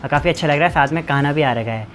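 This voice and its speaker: A young man from Uttarakhand vlogging at home with his family, chatting warmly and switching into slow, halting English for his viewers. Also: a little high. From Uttarakhand, India. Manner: chatty, warm toward family. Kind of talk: casual vlog chat.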